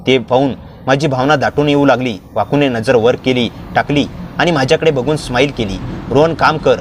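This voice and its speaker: A man narrating a first-person story with steady, plain reading. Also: mid-range voice, brisk, background noise.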